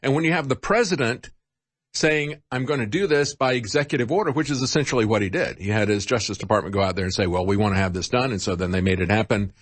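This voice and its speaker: A man with a husky voice hosting talk radio, giving unscripted political commentary and chatting with callers. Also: lowish voice, quick pace, no echo.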